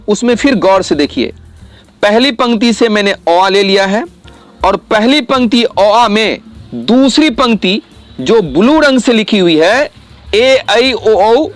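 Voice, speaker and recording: High-voiced man teaching slowly. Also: no room sound. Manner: slow, careful explanation with drawn-out vowel sounds. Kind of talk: classroom lesson to children.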